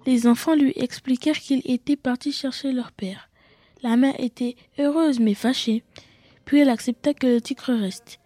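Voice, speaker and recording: A woman reading her own children's story aloud, with dramatic loud bursts and whispered asides. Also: high voice, steady tone, normal speed, dry recording, clean studio sound.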